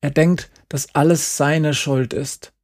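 A man voicing an angry, defiant teenage girl who grows agitated and loud. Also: fairly high pitch, fairly even intonation, slow pace. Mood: whispering. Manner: agitated, rising and shouting.

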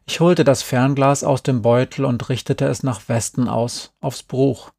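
A man calmly reading a first-person story aloud. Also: mid-range voice, unhurried, vocal fry, dry recording, studio quality. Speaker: audiobook reader.

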